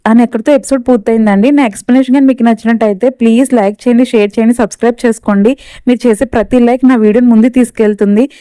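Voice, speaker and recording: A woman's voice: a little high, fairly even intonation, very fast, warm tone, dry recording. A woman narrating an episode recap and earnestly asking viewers to like and subscribe. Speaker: serial recap host.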